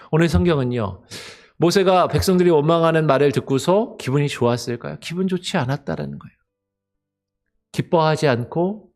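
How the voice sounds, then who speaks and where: A man's voice: medium pitch, vocal fry, a little mellow. A male pastor giving an early-morning expository sermon, explaining patiently with rhetorical questions.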